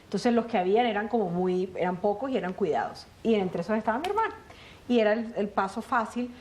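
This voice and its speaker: In a conversational interview, a Colombian actress of middle age talks fast at a medium pitch. She's an energetic guest, bringing her family stories to life by acting out what everyone said.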